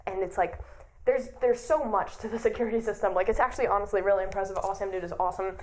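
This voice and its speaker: A young woman casually retelling a story for her channel, excitable, often laughing and gasping, with lots of "like". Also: mid-range voice, racing. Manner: excitable, laughs and gasps often, says "like" a lot. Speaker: YouTuber.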